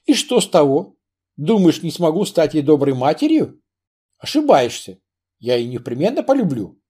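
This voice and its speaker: A man's voice: a little high, very animated, moderate pace, warm tone, slightly rough. A male audiobook reader voicing a young, affectionate and jealous lady-in-waiting who chatters and coaxes. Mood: tender. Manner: coaxing, chattering. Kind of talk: audiobook character reading.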